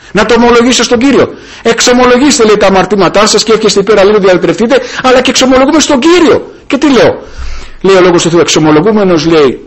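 High, husky-voiced man preaching. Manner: quotes scripture, addresses "brothers", rising emphatic swells. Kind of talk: sermon.

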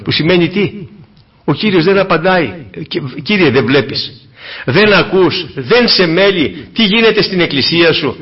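A man preaching a fervent sermon, swinging between loud exclamations and hushed asides to the congregation. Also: a little high. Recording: dull lo-fi recording.

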